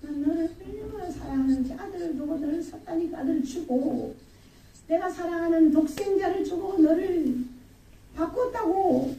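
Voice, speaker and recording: A woman's voice: very high voice, moderate pace, mellow, a little hiss or hum, pitched above the performer's own voice. A woman voicing God as a loving, pleading figure who speaks earnestly to a believer and repeats each plea, heard from a distance in a roomy hall. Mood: pleading, tender.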